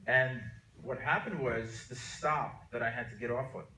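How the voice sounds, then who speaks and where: A man's voice: medium pitch, normal speed, sharp tone, slight background noise. A middle-aged man who grew up in Jamaica, an artist being interviewed, telling stories of his life in a rambling way with many restarts. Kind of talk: relaxed conversational storytelling. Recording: echoey room, mic at a distance.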